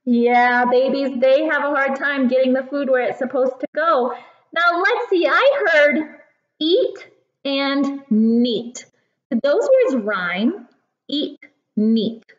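High-voiced, slow-paced woman teaching little children. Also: expressive, roomy sound, dull audio. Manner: simple, deliberate, encouraging talk as if reading to a toddler. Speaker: kindergarten teacher. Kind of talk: teaching and reading aloud to young children. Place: classroom, indoors.

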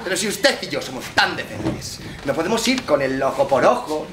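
An actor playing a fussy, placating film producer in a live stage comedy. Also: male voice, a little high, big pitch swings, moderate pace. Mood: explaining. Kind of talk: live comic stage acting. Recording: roomy noisy theatre.

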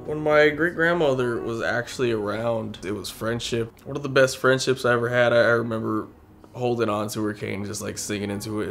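Young man with a gravelly low voice. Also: a little hiss or hum. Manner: candid, halting with repeated restarts. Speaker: interviewee. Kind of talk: documentary interview. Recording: soft music underneath.

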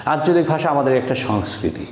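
A man from Bangladesh teaching an online language lesson, repeating words slowly and deliberately to show how they sound. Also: medium pitch, big pitch swings, darkish tone, echoey room.

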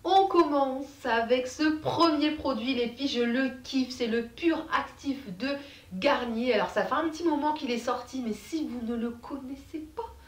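A woman's voice: high-pitched, normal speed, roomy sound, distant mic. A French woman chatting casually as a beauty vlogger, bubbly and full of fillers. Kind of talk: casual chat to camera.

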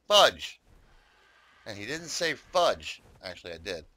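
A bright-voiced man rambles through casual commentary on his game, talking straight to viewers. His pitch swings up and down a lot, and he swears freely as he plays. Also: very animated, normal speed, no echo. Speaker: gaming YouTuber.

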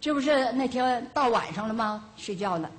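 An older woman teaching Buddhism to a hall audience in a lively storytelling way. Her voice sits a little high, and she often breaks into small chuckles as she goes. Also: normal speed. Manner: lively, homespun anecdotes with chuckles. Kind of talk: storytelling dharma talk. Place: lecture hall of a Buddhist centre.

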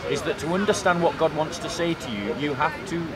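English guy in his 30s arguing outside, keeps pushing the same question, slightly high voice, crowd chatter behind. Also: brisk. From England. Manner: insistent, interrupts with repeated questions. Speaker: street preacher. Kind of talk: heated street debate. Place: outdoor park by a kiosk, city crowd. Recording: outdoor crowd noise.

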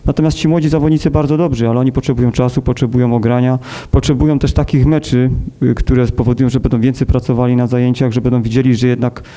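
Male coach in his thirties, very dark voice, hesitant, measured, many fillers, press conference table mic. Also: medium pitch, steady tone. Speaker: football coach. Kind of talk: post-match press conference. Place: press conference room with sponsor wall.

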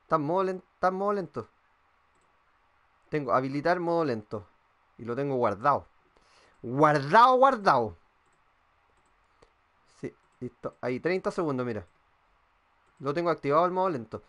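A young man with a Chilean accent talks loosely over his gameplay, swearing and thinking out loud. His voice sits a little high for a man. He reads viewers' messages aloud between moves. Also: expressive, brisk, pauses often. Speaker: gaming streamer. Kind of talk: live-streamed gameplay chat.

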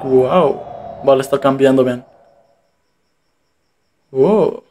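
A man's voice: medium pitch, very slow, dark tone. A young man, casually reacting and commenting aloud as a story game plays. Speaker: gameplay streamer.

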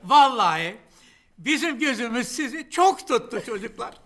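An actor playing a fussy, courteous old landlord in a sitcom, speaking with formal, repetitive hospitality. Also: male voice, very high-pitched, expressive, moderate pace, a bit bright, a little hiss or hum, full character voice. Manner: formal, repetitive, avuncular politeness. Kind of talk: sitcom acting.

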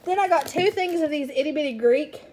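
A young woman talks through her groceries in a high, bubbly voice, full of happy asides and little jokes at her own expense. She films on her phone at home. Plastic bags crinkle and rustle loudly behind her words. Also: fairly quick, slight background noise. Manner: chatty, excitable, self-mocking asides. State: out of breath. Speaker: stay-at-home mom vlogger. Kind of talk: casual grocery haul chat. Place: home kitchen.

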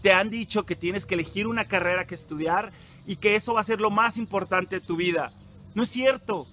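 A man's voice: high-pitched, brisk, bright, forceful tone, a little hiss or hum. A young Mexican man, a psychologist, giving an emphatic motivational talk to teenagers and putting direct questions to them. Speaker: psychologist and workshop leader.

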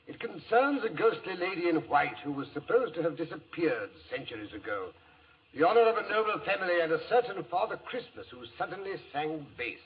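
An actor playing a genial elderly English doctor, a wordy storyteller in a 1940s radio drama. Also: male voice, fairly high pitch, sing-song, a little fast. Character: elderly English doctor reminiscing genially, Holmes's old companion. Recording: muffled, hissy 1940s radio recording.

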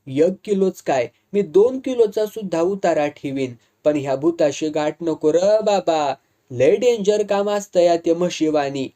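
A man voicing a hot-tempered, boastful village wrestler who talks in a rough rustic way and threatens people. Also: fairly high pitch, lively intonation, a little slow, warm tone. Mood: pleading. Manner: blustering, threatening, rustic speech.

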